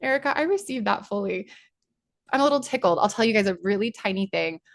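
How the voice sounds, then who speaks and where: Chatty excitable woman leading a workshop. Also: medium pitch, quick pace, creaky. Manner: chatty, excitable, rambling with restarts. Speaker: spiritual workshop leader. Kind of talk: informal spiritual teaching talk.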